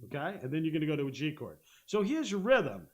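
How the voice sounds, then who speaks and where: A man with a fairly high voice leads a live-streamed guitar lesson. He breaks each part down patiently, often checks in with "okay?" and hums the rhythms. Loud guitar playing runs underneath his voice. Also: huge pitch swings, quick pace, highs cut off. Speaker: guitar teacher. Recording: guitar playing loudly behind. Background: guitar playing and looper.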